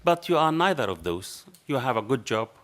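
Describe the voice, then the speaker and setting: A very animated middle-aged man with a strong Arabic accent talks a little fast in a medium-pitched, slightly bright voice. He is on a panel telling a story, taking on both roles in a conversation with passion and non-native phrasing. This anecdotal public talk is recorded by a table microphone at a panel table in a dark lecture hall.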